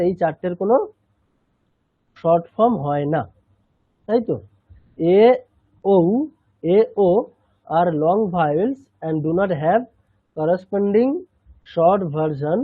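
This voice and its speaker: A man teaching a chanting class, patiently explaining and slowly repeating sounds, sometimes switching into English. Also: sits high, no echo. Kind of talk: online language lesson. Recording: tinny phone-like line.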